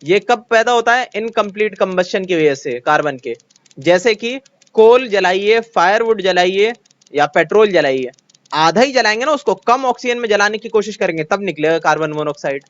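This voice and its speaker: High-voiced chatty male chemistry teacher. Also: animated, normal speed, fairly bright tone, dull audio. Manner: chatty, explains with everyday examples and asks students questions. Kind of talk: conversational Hindi lesson.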